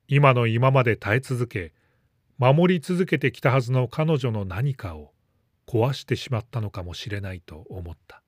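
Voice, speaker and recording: A man narrates a story in a calm, measured reading voice that sits at an ordinary middle pitch. The sound is dry and close, with no room around it. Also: no echo. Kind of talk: scripted narration.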